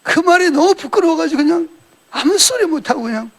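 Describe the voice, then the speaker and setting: A man's voice: very high-pitched, expressive, a little fast, a bit bright. A male pastor preaching a sermon in a colloquial storytelling way, acting out quoted dialogue as he retells events.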